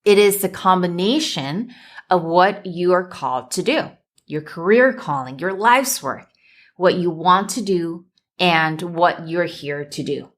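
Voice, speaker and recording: A woman with a notably low voice hosts a solo podcast on a microphone. Measured and deliberate, she stacks her ideas into emphatic lists as she coaches her listeners. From United States. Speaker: podcast host and business coach. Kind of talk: solo motivational podcast talk.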